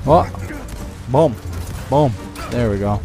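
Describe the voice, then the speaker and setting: A man streaming a shooter game, talking over his headset microphone with quick excited exclamations and swearing. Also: medium pitch, over music. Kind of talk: live gameplay commentary.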